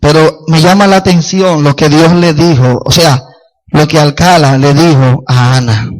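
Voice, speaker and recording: A Dominican man preaching with a high, ringing voice. He delivers a fervent evangelical sermon in a church. He breaks into shouts of praise and turns often to address his congregation directly. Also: normal speed, poor audio. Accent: Dominican Spanish. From Dominican Republic.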